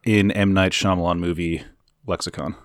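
A man co-hosting a sports podcast, chatting casually with jokey asides and quick laughs. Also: low voice, level tone, no echo, clean studio sound. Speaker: podcast co-host.

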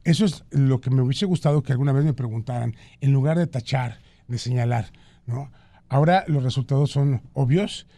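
A man's voice: medium pitch, moderate pace, creaky, mellow, no echo. A man, a guest actor in a radio studio, joking and then answering earnestly. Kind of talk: playful studio chat.

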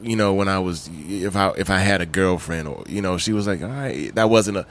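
A man's voice: low-pitched, brisk. A man born in the Bahamas, telling stories in a casual chat and acting out the people in them. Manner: animated, laughing, acts out voices. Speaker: guest.

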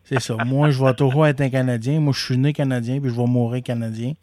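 A man's voice: mid-range voice, level tone, fast, crowd noise. A man with a Québécois French accent hosting a podcast in casual chat, rambling with many restarts and fillers. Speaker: podcast host.

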